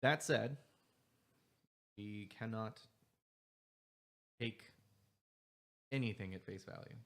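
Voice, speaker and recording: A man voicing a gruff, stern older male war leader making a formal, measured speech. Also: lowish voice, a bit bright, exaggerated voice.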